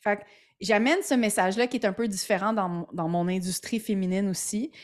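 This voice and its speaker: A young woman with a Québécois French accent speaks as a podcast guest. She talks quickly and emphatically, laughs often and restarts her sentences as she goes. Her pitch sits in the middle of the usual range for a woman. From Quebec, Canada. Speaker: entrepreneur guest. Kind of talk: podcast interview.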